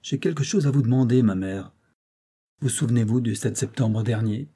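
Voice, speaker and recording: A man reading the part of a dying man who speaks gruffly and forcefully, louder and higher than his narration. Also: normal speed, close to an everyday voice.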